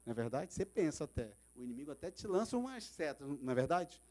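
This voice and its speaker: Man, Brazilian Portuguese accent, pastor, church sermon, high pitched, lively swooping delivery. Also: quick pace. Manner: dramatic storytelling, acting out quoted voices. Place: church service.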